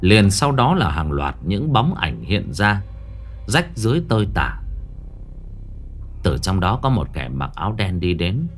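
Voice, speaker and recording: A man, narrating a ghost story in a dramatic, expressive manner. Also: sits low, unhurried, slight background noise.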